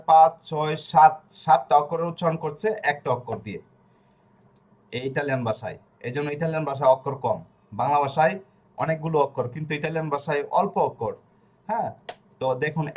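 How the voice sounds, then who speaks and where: A man with a somewhat high voice teaches a language lesson. He goes over each rule again and again and poses questions that he answers himself. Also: highs cut off. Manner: repeats each point slowly, asks and answers his own questions.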